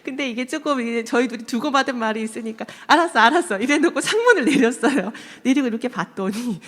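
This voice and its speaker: A woman in her thirties, a church member, gives a personal testimony to the congregation in a church sanctuary, with big-room sound. Her voice is a little high, lively in intonation and quick; she acts out the voices in her story and laughs often.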